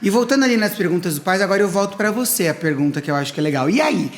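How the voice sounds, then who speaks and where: A man's voice: sits high, expressive, racing, slight background noise. A middle-aged man hosting a school talk show, explaining ideas step by step in a conversational way. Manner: explanatory, builds points in steps. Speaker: academic director hosting a school podcast. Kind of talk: conversational interview.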